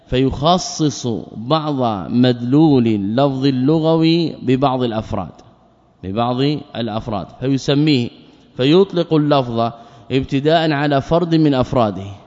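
A male scholar giving a classroom lecture, reciting verse lines slowly, repeating phrases and posing rhetorical questions. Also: mid-range voice, darkish tone. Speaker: Islamic scholar teaching a text. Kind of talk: classroom lecture explaining a legal poem. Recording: muffled recording with long hall reverb.

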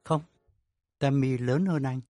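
A man voicing a calm, stubborn young adult son who answers in short, plain, steady sentences in an audio drama. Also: medium pitch, takes it slowly, no room sound, faint music behind, pitched above the performer's own voice, close to an everyday voice. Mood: firm.

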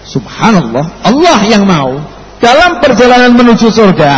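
Javanese preacher man telling a story, high bright voice, echoey hall with faint noise. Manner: lively, switches into local dialect. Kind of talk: sermon storytelling.

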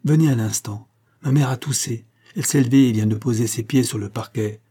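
A man's voice: medium pitch, mellow, breathy edge, natural voice. A man doing a bossy cheeky boy servant. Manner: brisk, ordering.

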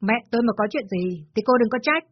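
A woman voicing an angry young husband who shouts threats, on a dull, dry recording. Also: fairly high pitch, fast, husky, no room sound.

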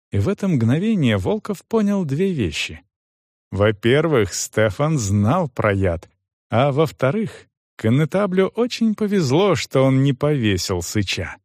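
A man narrating an audiobook in a slow, lively storytelling manner. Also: mid-range voice, dry recording, clean studio sound. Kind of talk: audiobook reading.

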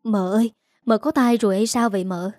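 A woman's voice: mid-range voice, fairly even intonation, a little fast, no echo, studio quality, lightly acted. Woman voicing a frantic, caring young woman. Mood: worried. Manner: shouting, urgent.

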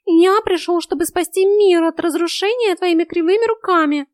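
A woman's voice: high voice, animated, normal speed, dry recording, studio quality, pitched above the performer's own voice. A woman voicing a grumpy, rude male house cat who scolds and carries on theatrically in a storybook. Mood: scornful.

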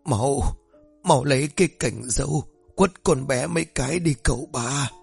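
A man voicing a frail, superstitious old grandmother in her seventies, who speaks in a weak, slow, whispery voice. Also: medium pitch, vocal fry, darkish tone, husky, dry recording, faint music behind, voice pushed up, full character voice. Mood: fretful.

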